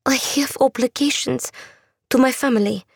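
A woman's voice: high voice, moderate pace, vocal fry, husky, dry recording, studio quality, pitched above the performer's own voice, full character voice. A woman voicing a frightened, reluctant young Czech woman making excuses, in an audiobook. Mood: anxious, pleading. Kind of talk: audiobook character voice.

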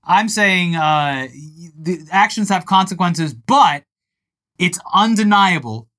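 A man co-hosting a comedy podcast, joking wryly and reading a news report aloud in deadpan. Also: sits high, slow. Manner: wry, laughing, reads news in a flat deadpan. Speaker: podcast co-host.

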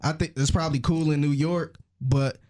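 A man's voice: fairly high pitch, steady tone, moderate pace, darkish tone. A man chatting casually and laying out his opinions at an easy pace. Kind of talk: casual chat.

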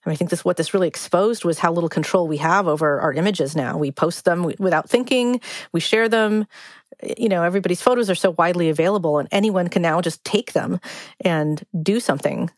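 A woman's voice: lowish voice, a little fast, dry recording. A woman giving conversational interview answers as a reporter.

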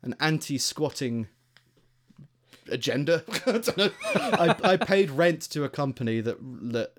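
A man's voice: fairly high pitch, lively intonation, a little slow, fairly bright tone. A man from Greater London with a southern English accent, chatting as a podcast co-host in a rambling, jokey way with casual swearing. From Greater London, England. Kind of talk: casual comedic banter.

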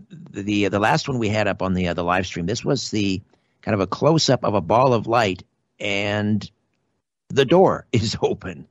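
A man with a fairly low voice hosts a radio interview. He talks conversationally and sometimes feels for his phrasing. The sound is dry and a little band-limited. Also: dry recording, lo-fi sound. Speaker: radio talk show host.

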